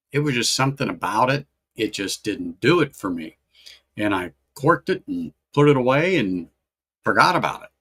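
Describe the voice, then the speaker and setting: A man with a gravelly, creaky voice hosts a laid-back whiskey livestream. He talks in a loose, rambling way, doubling back on phrases and greeting viewers in the chat by name. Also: mid-range voice, a bit bright.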